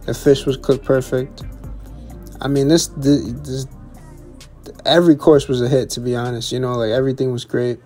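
A young man, a chef and vlogger, casually talking through a restaurant tasting menu with excited repetition and restarts. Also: medium pitch, moderate pace, faint music behind. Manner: enthusiastic, repeats words, restarts.

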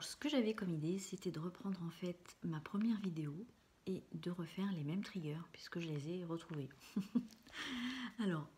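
Whispering woman, low and noisy recording. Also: darkish tone. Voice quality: breathy whisper, mostly unvoiced. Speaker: ASMR channel host. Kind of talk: soft whispered casual vlog. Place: small room at home, indoors. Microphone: camera close in front, no external microphone. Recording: faint hiss and clicks, no studio microphone.

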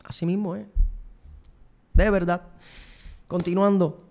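High-pitched, gravelly and darkish, his delivery is flat and slow. The young adult from Puerto Rico, a show host and singer with a Puerto Rican accent, runs through a rambling, self-promoting comic monologue full of repetition. He sits close to a desk microphone with headphones on an indoor studio set.

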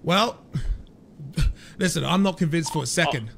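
Brash, high-pitched gamer man. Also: measured pace, gravelly, background noise. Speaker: player in a crime role-play game. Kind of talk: in-character gaming banter.

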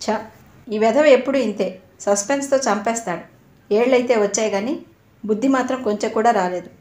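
A woman's voice: fairly high pitch, brisk, a little mellow, close to an everyday voice. Woman playing a worried man, irritable, snappish, echoey. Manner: anxious and irritable. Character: worried grown son, quick-tempered man. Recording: roomy echo.

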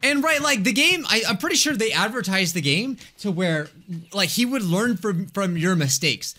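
High-voiced, excitable young man gaming. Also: moderate pace. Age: young adult. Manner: excitable, rambling. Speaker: gaming video host. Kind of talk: casual gameplay commentary. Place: small room indoors. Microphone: close desk microphone with headset.

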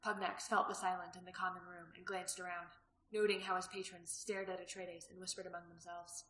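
Flat, low-voiced woman reading a novel. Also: fairly quick. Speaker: audiobook reader. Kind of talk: scripted narration. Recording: roomy echo.

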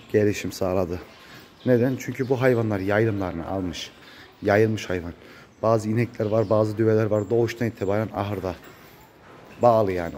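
Speaking in a lowish, somewhat dark voice, this cattle farmer has a cold that leaves him muffled and congested. He addresses his vlog viewers casually from an open-sided barn with a metal roof, filming on a handheld phone amid plenty of barn noise.

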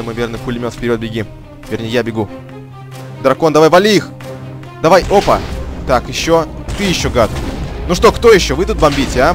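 A young man commentating his own game as he plays, shouting and swearing under fire, then mumbling to himself while looting. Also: medium pitch. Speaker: gamer commentating his playthrough. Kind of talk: solo let's-play commentary. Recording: game music loud behind the voice. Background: game music and gunfire.

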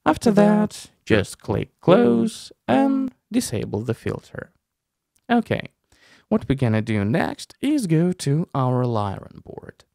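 Speaking slowly and animatedly, a young adult male streamer and tutorial host with a fairly high, creaky voice runs a casual software tutorial. His style is informal step-by-step explaining with playful asides. He's indoors at a desk in a small room with a close desk mic and headphones; the audio is studio quality with no echo.

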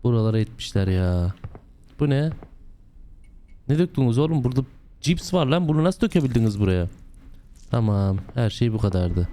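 A young man with a slightly hoarse voice from a sore throat, chatting his way through a horror game as host, joking and breaking into loud exclamations. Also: medium pitch, very animated, normal speed, pauses often, slight background noise. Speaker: gaming channel host. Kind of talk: let's play commentary.

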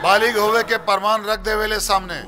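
A man's voice: high voice, level tone, a little fast, close to an everyday voice. A man acting as an evasive, scornful government minister in a film, speaking with a Bhojpuri accent in pompous, dismissive, broken phrases. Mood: scornful, defensive. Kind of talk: film drama dialogue. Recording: music behind the voice.

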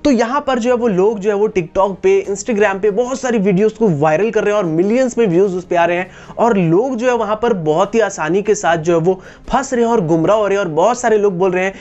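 Indoors in a small room against a wall, a man in his twenties with an Indian accent explains things to his YouTube viewers. His high-pitched, slightly mellow voice goes a little fast with hardly any pauses. The lapel-mic audio is dull.

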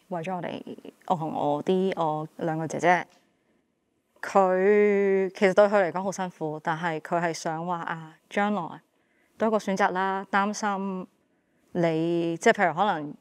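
A woman's voice: lowish voice, a little mellow, dry recording. Reflective Hong Kong Cantonese woman, dry close sound. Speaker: activist guest. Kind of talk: candid panel testimony. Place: dark studio stage.

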